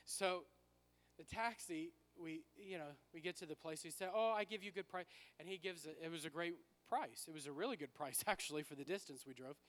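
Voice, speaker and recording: A man preaching a sermon with personal stories as a pastor, his raspy voice worn from use, repeating phrases for emphasis. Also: a little high, a little fast, a bit bright.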